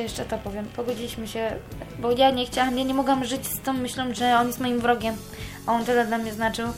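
A young woman giving a candid personal account, cursing freely as she talks. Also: fairly high pitch. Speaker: interviewee.

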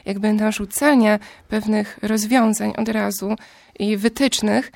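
A woman in her twenties talking through her view in a casual discussion, measured and explanatory, building long argued sentences. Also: medium pitch, fairly even intonation, gravelly, darkish tone, dry recording.

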